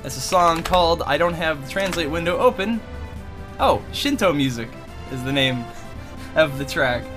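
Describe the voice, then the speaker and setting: A man's voice: fairly high pitch, animated, moderate pace, over music. Stuffed-up man chatting on a podcast. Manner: joking, playful banter. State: stuffed-up nose. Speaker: podcast co-host. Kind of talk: casual chat.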